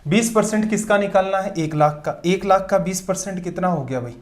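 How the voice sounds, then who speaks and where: A man with a high, animated voice teaches a competitive-exam math lesson at a brisk pace. He poses questions and answers them himself, repeating points emphatically.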